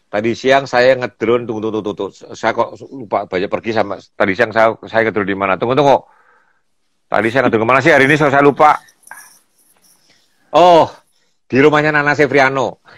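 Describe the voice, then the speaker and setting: An older man from Indonesia chatting casually, telling lively stories and often laughing. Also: mid-range voice, brisk, long pauses, no echo. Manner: animated storyteller, laughs often, acts out quoted voices. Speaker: photographer and guest. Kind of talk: casual storytelling chat.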